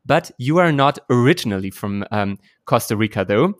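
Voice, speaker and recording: A man's voice: medium pitch, expressive, moderate pace. A man hosting a podcast, asking questions in an upbeat, friendly way. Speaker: podcast host. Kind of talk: interview hosting.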